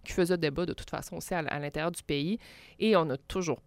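A woman explaining politics in a measured radio discussion, with frequent hesitations. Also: deep voice, steady tone. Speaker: political commentator.

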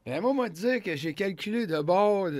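A man's voice: high-pitched, normal speed, dry recording. A man in his fifties with a Québécois French accent, a show host talking casually and with emphasis in a radio studio. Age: 50s. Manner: animated, emphatic, jokey. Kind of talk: casual talk show chat.

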